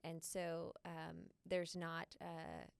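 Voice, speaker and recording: A woman co-hosting a ministry podcast, speaking in an earnest, thoughtful way with frequent filler pauses and a gravelly fry. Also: lowish voice, monotone, dry recording. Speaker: podcast co-host. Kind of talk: casual podcast chat.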